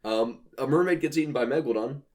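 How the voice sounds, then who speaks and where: A young man co-hosting a podcast, chatting casually with wry jokes and asides. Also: quick pace. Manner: joking, wry asides, lively pitch. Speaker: podcast co-host. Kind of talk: casual comedic chat.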